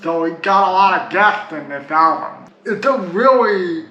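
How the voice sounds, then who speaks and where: A Canadian music reviewer rambles casually through album reviews, chatty and restarting himself with "like" and "uh." His high-pitched voice is bright and forceful, with lively intonation and a measured pace. The recording sounds dull and lo-fi, in an echoey room with faint noise.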